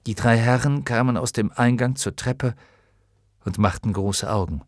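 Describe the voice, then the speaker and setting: Male audiobook narrator, mid pitch, expressive read, dry studio. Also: normal speed, no echo. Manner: expressive storytelling. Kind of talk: scripted narration.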